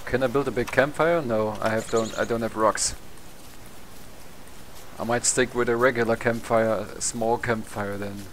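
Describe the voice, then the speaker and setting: A young man whose English carries a German accent, being a non-native speaker, gives casual let's play commentary, rambling, cursing and laughing at himself. His voice is medium-pitched and a bit bright, with fairly even intonation at normal speed. Game music and slight background noise sit behind him.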